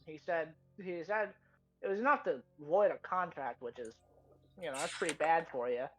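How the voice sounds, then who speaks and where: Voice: medium pitch, normal speed, fairly bright tone, soft background music, low-quality recording. A tabletop role-play player thinking aloud, rambling through theories in character.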